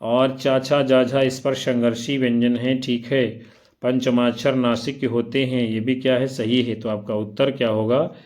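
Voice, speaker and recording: A man's voice: mid-range voice, level tone, darkish tone. Male teacher explaining exam questions. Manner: reads questions and options, then explains answers; spells out syllables slowly one by one. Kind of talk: exam prep lesson.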